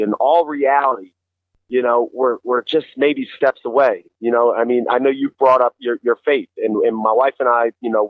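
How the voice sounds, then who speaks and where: A man's voice: medium pitch, dry recording. A middle-aged man speaking as an interview guest, giving earnest, conversational relationship advice and explaining with rhetorical questions. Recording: thin phone-like radio sound.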